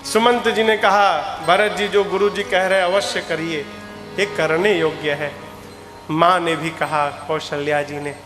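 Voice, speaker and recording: Slow, high-voiced preacher in an echoing hall. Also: male voice, fairly even intonation, music in the background. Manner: storytelling with quoted dialogue and sung lines. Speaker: katha preacher. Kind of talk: sermon storytelling. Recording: echoey hall with instrument backing.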